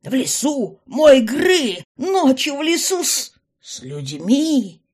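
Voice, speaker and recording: Storybook goblin mom, huge and hot-tempered, read by a woman, loud and slow, barking demands. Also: on the low side, animated. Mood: raging. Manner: yelling, drawn-out demands. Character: fat furious female goblin mother. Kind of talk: audiobook character voice.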